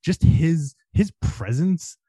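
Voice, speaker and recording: A man's voice: a little high, takes it slowly, breathy edge, no room sound. A man co-hosting a podcast, chatting casually about movies and acting out characters' lines. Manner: animated, acts out characters' lines. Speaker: podcast co-host.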